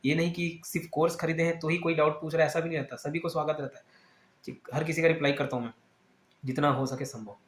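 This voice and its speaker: A man's voice: fairly high pitch, fairly even intonation, quick pace. A man who teaches exam coaching, giving a direct, earnest and persuasive talk to students. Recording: echoey room.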